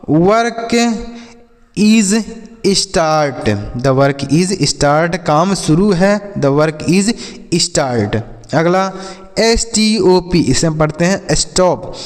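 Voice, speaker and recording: Male language teacher, slow and drilled, slightly high voice, long reverb around him. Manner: slow, repetitive teaching with questions to viewers. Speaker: English teacher. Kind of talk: Hindi-language English vocabulary lesson.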